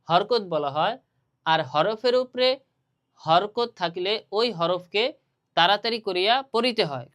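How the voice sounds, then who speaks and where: A male Quran teacher, giving an online lesson with slow, patient drilling of letter sounds and louder repeated examples. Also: high voice, clean tone.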